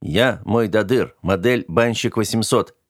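A man doing a slow metallic cyborg. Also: fairly low pitch, no echo, clean studio sound. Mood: flat robotic. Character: metallic lifeless male cyborg washer robot.

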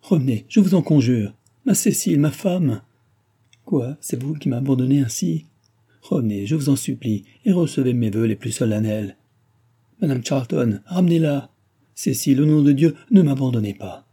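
A man's voice: mid-range voice, normal speed, warm tone, breathy edge. A man reading aloud and voicing a young bridegroom who pleads and cries out in desperation. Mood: desperate. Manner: raised, urgent outcries.

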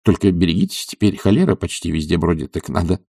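A man's voice: sits low, big pitch swings, fast, gravelly, dark tone, husky, no room sound, clean studio sound, exaggerated voice. A man voicing a fussy middle-aged doctor who lectures a patient. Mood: advising.

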